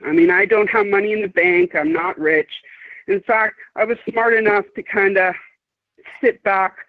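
A woman's voice: mid-range voice, steady tone, normal speed, dry recording. A woman around fifty, calling in and talking in an emphatic, rambling, outspoken way with some swearing. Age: 50s. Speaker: caller. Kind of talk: casual chat. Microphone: phone. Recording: dry tinny phone line.

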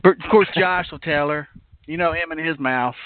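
High pitched dude razzing his buddy, cussing a lot, phone-ish audio. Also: normal speed, no echo. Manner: profane, teasing, laughs often. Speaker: podcast co-host. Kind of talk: casual chat. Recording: dry phone-like line.

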